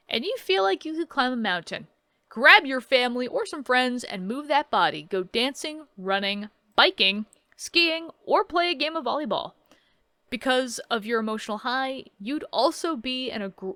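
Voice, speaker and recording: A woman's voice: fairly high pitch, bright, forceful tone, dry recording, studio quality. A woman in her thirties casually reading game text aloud and adding wry, joking asides in a playthrough. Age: 30s. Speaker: let's play host.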